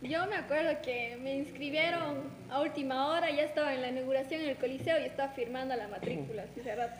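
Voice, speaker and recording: A young woman in her twenties chatting casually, recalling school days with quick laughing asides. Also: sits high, roomy sound, in a large hall, a little hiss or hum. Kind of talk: casual chat.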